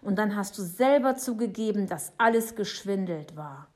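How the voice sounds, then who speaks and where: A woman reading a gentle, worried dad. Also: mid-range voice, expressive, moderate pace, natural voice. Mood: soothing. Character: worried, gentle father, patient and tired. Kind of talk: audiobook character voice.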